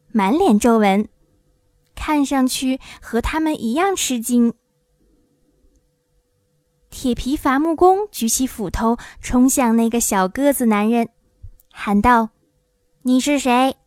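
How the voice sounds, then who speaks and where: A woman reading a children's storybook aloud with clear, even narration. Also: sits high, no echo, clean studio sound.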